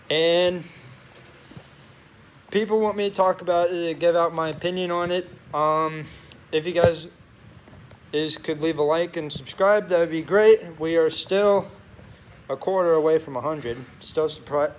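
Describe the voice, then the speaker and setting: A young man chatting casually as a sports vlogger in a locker room, rambling and often correcting himself. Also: on the high side. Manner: halting, rambling, self-correcting. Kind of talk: casual chat to camera. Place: locker room beside a noisy gym. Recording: noisy locker room ambience.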